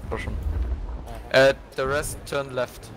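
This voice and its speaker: A man's voice: mid-range voice, steady tone, slow pace, a little hiss or hum. A man giving orders as team leader in a tactical gaming voice chat. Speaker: team leader in an online naval game. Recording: loud cannon fire over game voice chat. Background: artillery fire and game battle sounds.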